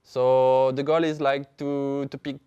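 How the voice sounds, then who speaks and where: A man with a French accent gives halting, filler-laden answers in English, his second language. His voice is smooth and clear, at an ordinary pitch for a man. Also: little pitch movement, mellow, muffled recording. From France. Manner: halting, many fillers and restarts. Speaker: esports team captain guest. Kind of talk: casual interview answers.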